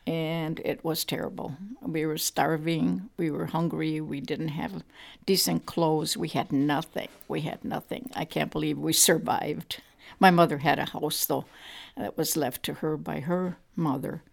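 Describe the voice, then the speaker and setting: An older grandmother, whose voice sits deep and crackles with heavy vocal fry. She talks slowly and reflectively, pausing often and searching for words as she recalls the past in an oral-history interview. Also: fairly even intonation. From Poland. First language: Polish. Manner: halting, reflective, many pauses and fillers.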